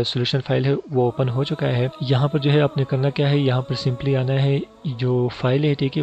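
A man's voice: medium pitch, a little mellow. A man hosting a tutorial channel, patiently walking through each step and checking in with "theek hai" as he goes. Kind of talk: screen-recorded how-to tutorial. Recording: slightly dull lo-fi voice-over with faint music.

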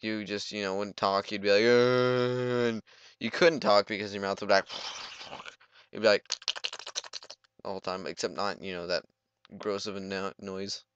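A man's voice: fairly low pitch, level tone, moderate pace, long pauses, fairly bright tone, clean tone, no room sound, lo-fi sound. A young man giving goofy, rambling let's play commentary and talking back to the game.

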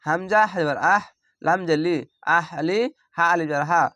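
With a Bangladeshi Bengali accent, a young Bangladeshi man teaches Quran reading through a slow recitation lesson, spelling words letter by letter and stretching the recited ones. His voice is on the high side with a sharp tone at normal speed. Captured close to the mic, the recording is dry and muffled.

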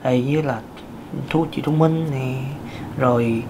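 At a slow pace and against a noisy background, a man with a thin, light voice gives an informal singing lesson. He chats with many fillers and sudden pitch jumps.

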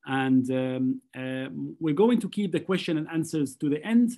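A man moderates a webinar on a video call from an indoor room. He introduces the next speaker in a somewhat high voice, stumbling and hesitating over his words with many fillers. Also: expressive, normal speed, warm tone.

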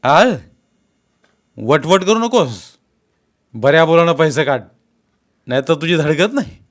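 A man's voice: fairly high pitch, lively intonation, slow pace, voice pushed up. A man doing a bellowing bully police constable. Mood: furious bullying. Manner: shouting, threatening, barking orders. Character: harsh bullying male village police constable. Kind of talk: storytelling read-aloud.

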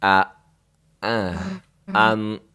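A man's voice: on the low side, steady tone, very slow, pushed and bright, clean tone, voice pushed down, full character voice. A man voicing a brash, tough young female monster who talks in a blunt, slangy mumble. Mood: puzzled. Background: game music.

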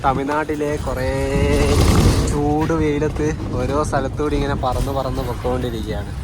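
Speaking with a Kerala Malayalam accent, this Indian man narrates a casual travel vlog on a handheld phone, addressing viewers in a chatty, informal way as he travels outdoors and on buses. His mid-range voice is steady and moderately paced, against heavy traffic and engine noise.

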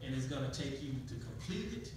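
A man's voice: medium pitch, big pitch swings, fairly quick, background noise. A middle-aged man, a minister, preaching a sermon with call-and-response while pacing a small church hall with a handheld mic. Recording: echoey church recorded from far off.

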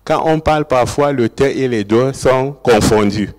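Speaking at normal speed in a mid-range, slightly mellow voice, a man delivers an academic lecture. Key words get repeated and he checks his audience's understanding; the recording carries the long reverb of a large hall.

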